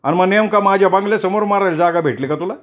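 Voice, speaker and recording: A man voicing a brash, loud middle-aged politician who mocks and scolds. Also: sits high, racing, voice pushed up, lightly acted. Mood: scornful. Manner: loud, scornful, teasing.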